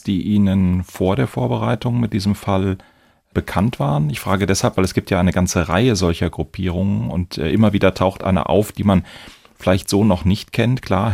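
A man's voice: sits low, normal speed, gravelly, a little mellow, no room sound. A man co-hosting a podcast, summarizing a case and asking pointed follow-up questions. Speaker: podcast co-host, journalist. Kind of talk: conversational podcast interviewing.

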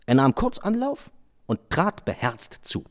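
A man reading aloud children's stories as a storyteller, in an expressive, sing-song way. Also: a little high, measured pace.

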